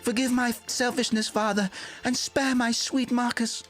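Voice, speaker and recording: A man's voice: very high-pitched, steady tone, moderate pace, a bit bright, soft background music, pitched above the performer's own voice. A man voicing a young lovelorn princess in a melodramatic stage play, pleading earnestly in archaic English.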